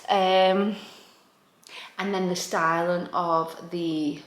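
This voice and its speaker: In her living room, a woman films a casual, chatty room-tour vlog, thinking aloud in an informal, self-deprecating way. Her voice is on the low side and steady, and she speaks very slowly, with echoey room sound and background noise.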